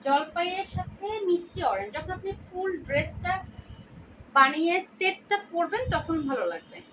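A very high-voiced woman with a Bangladeshi Bengali accent walks through dresses for sale in a chatty, repetitive way. She stands some way off from the mic. A clear hiss of background noise runs under her voice. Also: lively intonation, normal speed, bright, forceful tone. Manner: chatty, repeats prices and colors. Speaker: online clothing seller. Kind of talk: casual product showcase. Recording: distant mic with noisy background.

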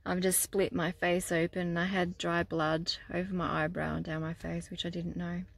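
Low, gravelly woman vlogging in her van. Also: little pitch movement, moderate pace, no echo. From Australia. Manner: chatty, rambling storytelling with frequent fillers. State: tired, with a headache. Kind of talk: casual vlog chat to camera. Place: inside a small camper van. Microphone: phone held at arm's length.

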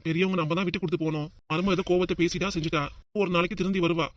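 Placating older husband voiced by a performer, southern Tamil accent, mid pitch, very quick, cartoon comedy. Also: fairly even intonation, lightly acted. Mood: soothing. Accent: southern Tamil, Tirunelveli. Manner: soothing, placating. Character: calm older husband soothing his upset wife.

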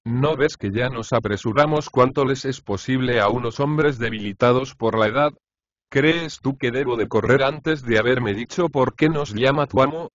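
A man voicing a gruff, complaining old male chorus leader in an audiobook of a comic play. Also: mid-range voice, normal speed, no room sound, highs cut off, lightly acted.

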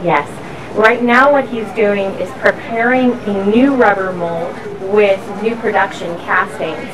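A woman leads a walk-through tour of a busy factory, explaining each stage at a measured pace in a mid-range voice. A crowd murmurs in the background, and the fairly distant mic also catches machinery and workshop noise.

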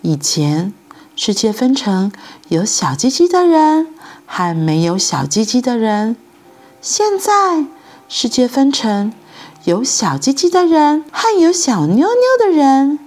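A woman's voice: a little high, sing-song, slow pace, a little mellow. A woman with a Taiwanese Mandarin accent reading a children's picture book aloud and speaking directly to children. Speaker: storyteller.

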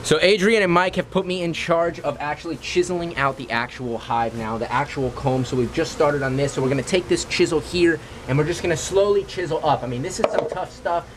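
A young man hosting a vlog outdoors beside beehives, talking excitedly and emphatically to camera in a casual style. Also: a little high, fairly quick, few pauses. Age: young adult. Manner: exclaiming, emphatic, repeats superlatives. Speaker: vlog host. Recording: noisy outdoor camera audio.

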